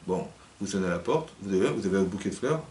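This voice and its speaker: Speaking fast in a deep voice, a male rabbi brings a Torah lesson to life in a community hall, acting out scenes and questioning those present. The recording carries a little hiss or hum, with echoey room sound from a far-off mic.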